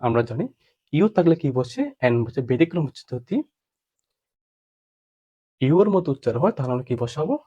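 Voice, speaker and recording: A man's voice: fairly high pitch, animated, fairly quick, long pauses, dark tone, husky, muffled recording. A man teaching a grammar lesson, asking questions and answering them himself.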